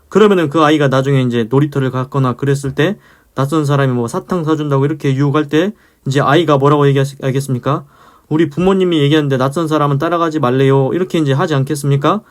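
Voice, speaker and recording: A man teaching a devotional Bible lesson in a conversational way, often putting rhetorical questions to the listener. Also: fairly high pitch. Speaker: preacher.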